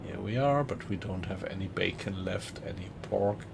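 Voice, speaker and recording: A man's voice: low voice, moderate pace, gravelly, background noise. A man with a German accent, casually commentating a live game stream and chatting with viewers. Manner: relaxed, chatty, greets viewers in chat.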